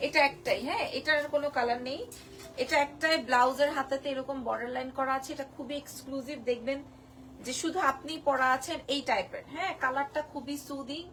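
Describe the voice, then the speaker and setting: A hoarse woman presenting a live-stream sari sale from Bangladesh, gushing over each piece and repeating prices and discounts. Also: sits high, fairly quick, fairly bright tone, slight background noise. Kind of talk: live-stream sales pitch.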